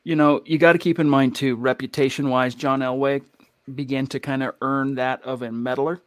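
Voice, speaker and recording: A man's voice: mid-range voice, little pitch movement, moderate pace, dry recording, clean studio sound. A man with an American accent hosting a sports show, talking casually and emphatically, often tossing in rhetorical questions. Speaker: sports livestream host. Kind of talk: casual sports talk and commentary.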